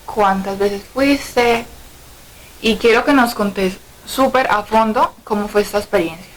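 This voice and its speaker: A woman hosting a magazine show, asking her guest questions in a brisk, friendly way. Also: mid-range voice, rough recording. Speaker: host. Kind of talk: casual interview.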